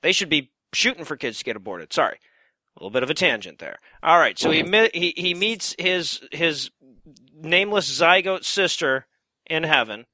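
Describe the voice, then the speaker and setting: Bright-voiced blunt podcast host. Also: male voice, fairly high pitch, expressive, normal speed, no echo. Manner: blunt, irreverent, mocking asides. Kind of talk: comedic podcast banter.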